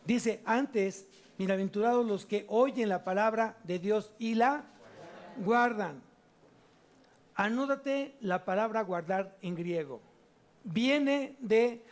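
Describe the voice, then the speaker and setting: A man preaching a sermon in church, animated, asking the congregation rhetorical questions and answering them himself. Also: high-pitched. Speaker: pastor.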